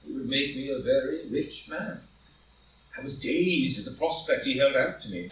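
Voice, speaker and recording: A man gives a proud, confiding, impassioned performance in a slightly high voice, playing an ambitious wealthy gentleman who defends his guilty secret in grandiloquent, emphatic terms. It's a live in-person group reading of a stage drama indoors, recorded roomily from far off the mic.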